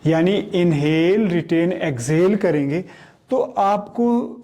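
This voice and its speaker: A man gives a spoken lesson on communication skills at an unhurried pace. His voice sits a little high yet stays dark and mellow. He drags out and repeats key terms, mixing English words into his explanations. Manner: slow, deliberate teaching delivery, drawing out and repeating key words; asks questions and then answers them himself. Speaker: teacher.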